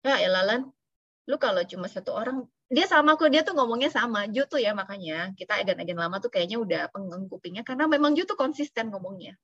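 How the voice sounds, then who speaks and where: A woman's voice: mid-range voice, lively intonation, quick pace, fairly bright tone, husky, no room sound, dull audio. A woman, an insurance agent giving a casual motivational talk, chatty and slipping in English phrases. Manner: chatty, mixes in English phrases, laughs now and then. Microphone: video call.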